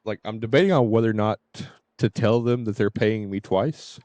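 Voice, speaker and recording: Faint game music and dialogue play under this man's fairly low, darkish voice, which moves at a normal speed with no echo. Chatting loosely on a livestream, he rambles, swears a little, and leans on "you know" over and over.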